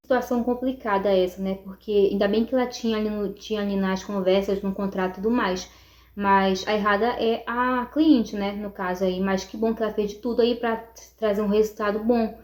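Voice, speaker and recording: A woman's voice: medium pitch, fairly even intonation, brisk, a little mellow. Brief: woman commentator, casual reflective reaction, roomy echoey recording. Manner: reflective, tag questions with "né". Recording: roomy echo.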